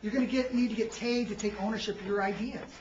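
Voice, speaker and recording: High-voiced man lecturing a workshop. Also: quick pace, slight background noise. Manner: quizzes the audience, tags lines with "right?"; energetic, varies loudness for emphasis. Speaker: seminar presenter. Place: seminar room. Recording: echoey, distant, dull room recording.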